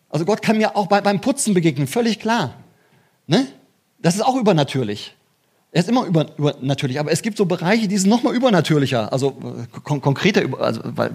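Chatty husky-voiced man preaching. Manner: conversational, frequent "ne?" asides and restarts; lively, pitch jumps when stressing points. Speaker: pastor. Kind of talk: sermon.

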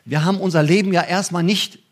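A man preaching a conversational sermon, often checking in with his listeners and restarting his sentences. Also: fast. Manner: conversational, frequent "ne?" asides and restarts; lively, pitch jumps when stressing points. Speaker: pastor.

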